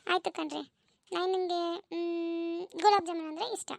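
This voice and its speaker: A woman voicing a devoted village mother of two in a family cartoon story, in a gentle, homely way. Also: extremely high pitch, flat delivery, normal speed, gravelly, no room sound, studio quality.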